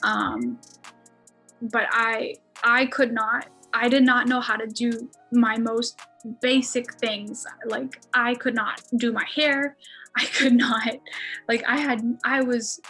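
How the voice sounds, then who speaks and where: A young American woman with a high, light voice tells a story to a podcast host. She talks casually and chattily, filling her sentences with little fillers and breaking into laughs. Faint music sits quietly behind her. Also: flat delivery, takes it slowly. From United States. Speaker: podcast guest.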